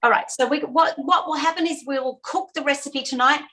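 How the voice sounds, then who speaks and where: A chatty woman guides a cooking lesson over a video call, repeating the key steps with easy fillers. Her voice sits a little high. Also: brisk, bright, forceful tone, low-quality recording. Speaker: cooking class host.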